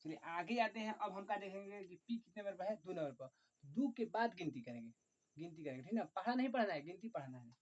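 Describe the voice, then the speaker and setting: Man teaching slowly on lo-fi audio. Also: high-pitched, expressive. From Bihar, India. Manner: slow, repetitive step-by-step dictation, often saying "look" and counting aloud. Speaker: chemistry teacher. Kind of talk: online chemistry lesson. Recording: dull lo-fi recording.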